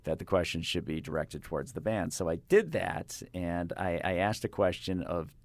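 An older man, a radio interviewer, talking in a rambling, halting way with lots of fillers and restarts. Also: low-pitched, no room sound. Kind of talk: casual interview chat. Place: radio studio. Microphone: studio microphone.

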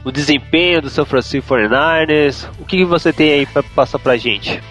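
A man's voice: fairly high pitch, normal speed, fairly bright tone. A man with a Brazilian Portuguese accent chatting informally about American football as a slangy co-host. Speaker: sports talk co-host. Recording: dull, lo-fi audio over music. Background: music.

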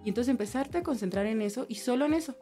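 Young woman chatting openly on a podcast, highish voice, laughs a lot, faint music behind. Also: animated, fast, dark tone. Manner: candid, laughing storyteller. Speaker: podcast co-host. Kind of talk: casual chat.

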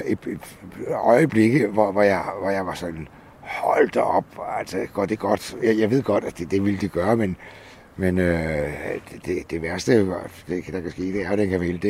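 A man's voice: on the low side, darkish tone. Stammering man over boat noise. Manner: stammering restarts, thinking aloud. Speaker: novice sailor. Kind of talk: documentary interview.

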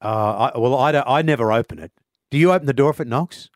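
A man with a broad Australian accent hosts a footy radio show. He chats casually in a mid-pitched voice, recorded close and dry. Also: fast, no room sound. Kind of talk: casual sports radio banter.

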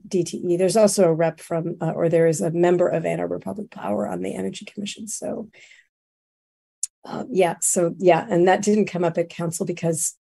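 A woman making informal remarks as a committee member, halting and often rephrasing as she goes. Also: lowish voice, creaky, dark tone, slightly rough.

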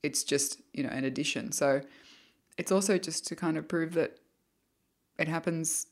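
A woman talks as a podcast host in a casual, chatty way. Her voice sits low for a woman. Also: moderate pace. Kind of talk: casual chat.

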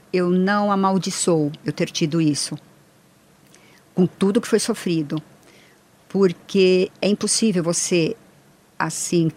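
A middle-aged woman recounts a personal ordeal as an interview guest. Her voice sits a little low, and she tells her story in an earnest, heartfelt way, often tagging her sentences with small checks to the listener. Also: a little mellow. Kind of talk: emotional personal testimony.

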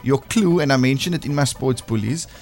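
Over a music bed, a man with a broad South African accent hosts a casual breakfast radio quiz, teasing and playful. His mid-range voice is a little mellow and moves a little fast.

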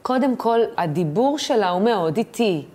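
A woman guest in a casual interview, an impressionist who tells animated stories and acts out the voices in them. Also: medium pitch, slight background noise.

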